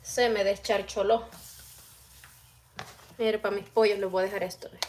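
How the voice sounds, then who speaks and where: Her voice is mid-range with a flat delivery at normal speed, and a little hiss or hum runs under it. She's a middle-aged vlogger from El Salvador, recorded close-up on a phone camera, chatting casually on a live stream while she cooks in her home kitchen and reads out comments from viewers.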